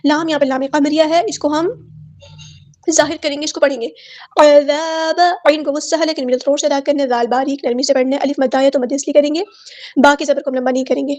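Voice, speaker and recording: A woman teaching tajweed, explaining letters slowly and repeating single sounds and words as models. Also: sits high, steady tone, a little mellow. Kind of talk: tajweed lesson, explaining word by word.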